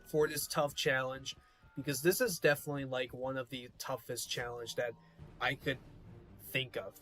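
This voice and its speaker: A man gives casual game commentary in a medium-pitched voice. He rambles and repeats himself as he explains, with faint music in the background. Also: steady tone, moderate pace, a bit bright. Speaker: gaming video host.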